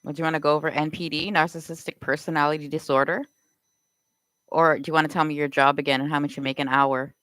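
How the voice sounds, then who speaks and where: A woman's voice: low-pitched, little pitch movement, quick pace, a bit bright, dry recording, rough recording. A Canadian woman live streaming, firing off accusatory rhetorical questions in a confrontational rant.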